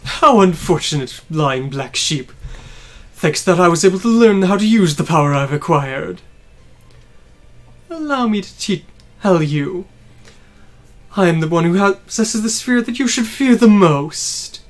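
A woman's voice: lowish voice, animated, measured pace, pauses often. A woman voicing a ranting, grandiose male villain pilot from a mecha game, declaiming threats theatrically. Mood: gloating.

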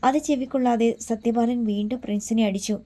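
A woman's voice: on the high side, steady tone, a little fast, dark tone. A woman reading a dramatic story aloud as an audiobook narrator, voicing the characters' lines in her own voice.

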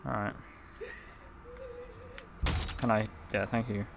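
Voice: medium pitch, little pitch movement, slow pace, creaky, noisy background. A gamer giving sweary, offhand gameplay commentary.

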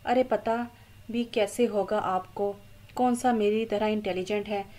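A woman reading as a bubbly, teasing young girl in an audio novel, chattering away with playful drama. The voice is mellow and warm. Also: medium pitch, fairly even intonation, unhurried, close to an everyday voice.

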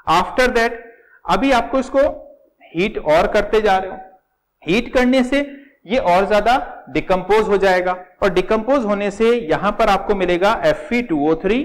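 A middle-aged man with an Indian accent teaching chemistry step by step, asking questions and answering them himself, and calling his students "beta". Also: high voice. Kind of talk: classroom lecture in Hindi with English terms.

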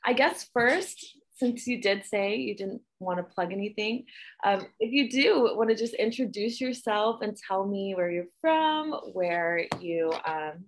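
A woman's voice: medium pitch, measured pace. A young woman hosting a casual interview over a video call, asking questions with frequent hesitations. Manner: friendly, hesitant with fillers. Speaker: host. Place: small room indoors.

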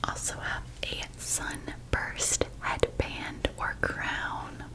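A woman in a whispered role-play as a fairy designer. Her voice is a soft, breathy whisper, and she speaks slowly and gently. She attends to her customer with an unhurried, delicate manner. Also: rough recording. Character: gentle female fairy designer showing customer clothes and crowns.

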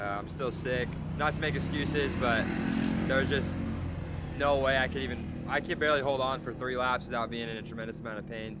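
A man's voice: medium pitch, heavy background noise. A young man vlogging to a handheld camera in outdoor race pits, casual and slangy, weak and hurting. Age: young adult. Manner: casual, slangy, dejected after a crash. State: in pain and weak. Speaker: motocross racer and vlogger. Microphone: handheld camera at arm's length.

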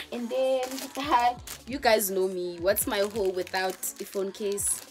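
A young South African woman talks through her haul in an unhurried, drawn-out way, slipping Zulu words into her English. Her voice sits at a middle pitch. Clear music plays behind her in the bedroom. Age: young adult. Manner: chatty, drawn-out reactions, mixes in Zulu. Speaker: vlogger. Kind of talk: casual haul vlog. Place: bedroom, indoors. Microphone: camera in front of her.

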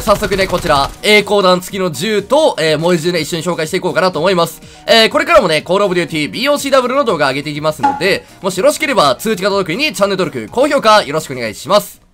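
A young man giving chatty, excitable gameplay commentary at his computer. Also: high-pitched. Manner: chatty, excitable, rapid and animated. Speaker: game commentator.

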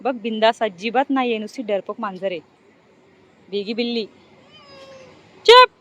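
A woman's voice: a little high, moderate pace, fairly bright tone, dull audio, slight background noise. A middle-aged woman vlogging casually outdoors on an open ground, chatty and doting as she coos at her pet cat. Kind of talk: casual vlog chat.

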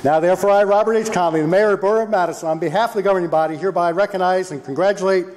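A mayor in his sixties reads a proclamation at a council meeting in a large, formal indoor chamber, his high, slightly mellow voice halting as he corrects himself and chuckles at his slips. He starts on a handheld mic, then goes unamplified, captured by a camera across the echoey hall.

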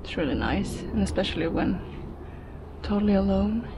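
With an animated, medium-pitched voice at normal speed, a young adult woman vlogs her urban exploration of an abandoned steel factory, indoors and outdoors. She chats casually to the handheld action camera, thinking aloud in bits and pieces, and its audio is noisy.

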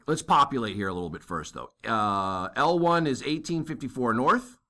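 A man teaching navigation talks through a calculation as he writes it out, thinking aloud with lots of fillers and short "okay?" checks. His mid-range voice has lively intonation and sounds bright and slightly tense.

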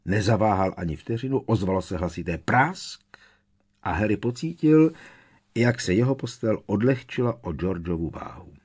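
A man reading an audiobook in steady storytelling narration. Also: low-pitched, husky. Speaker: audiobook reader.

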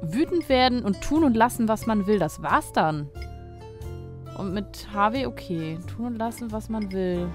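A woman's voice: medium pitch, animated, normal speed, over music. A woman let's player giving casual commentary, thinking aloud as she plays. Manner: thinks aloud, reads item names out.

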